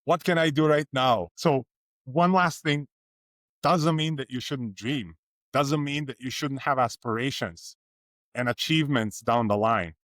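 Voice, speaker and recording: A middle-aged man from Serbia shares his experience as a panelist, earnest and reflective, often repeating a phrase for emphasis. His voice sits at an ordinary pitch and sounds close and dry, with no room around it. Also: unhurried, fairly bright tone, no echo. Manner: earnest, storytelling, emphatic repetition.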